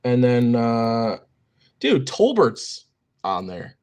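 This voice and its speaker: A young man co-hosting a casual sports podcast, joking and filling pauses with lots of ums. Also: medium pitch, huge pitch swings, a little mellow, clean tone. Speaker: podcast co-host.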